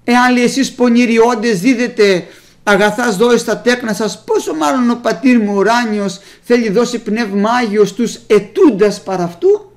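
Preacher doing a sermon, gravelly voice, reads scripture then explains it, talks to the brothers. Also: medium pitch. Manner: reads old scripture aloud and explains it plainly; speaks directly to the congregation as brothers. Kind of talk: sermon with Bible readings.

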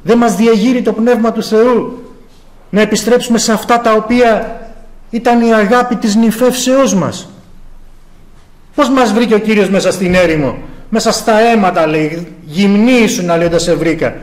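Man preaching with fervour, high-pitched voice, rising to cries and dropping low. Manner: impassioned, swings between loud exclamations and low intense tones; rhetorical questions to the congregation. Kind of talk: sermon.

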